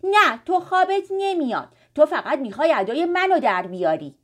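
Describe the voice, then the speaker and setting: A woman's voice: sits high, animated, fairly bright tone, pitched above the performer's own voice. A woman voicing a petulant, complaining schoolboy, the older brother in a children's story. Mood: angry. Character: schoolboy, grumpy older brother who turns kind.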